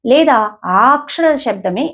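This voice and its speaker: A woman giving a lesson on pronouncing shlokas, explaining slowly and demonstrating each sound with stressed examples. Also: sits high, animated, a bit bright, husky. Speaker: advocate teaching shloka pronunciation.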